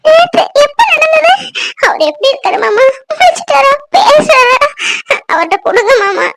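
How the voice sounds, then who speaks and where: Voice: extremely high pitch, big pitch swings, normal speed. A performer voicing a fiery, emotional young village wife in a cartoon, talking dramatically and wailing. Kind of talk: cartoon voice acting.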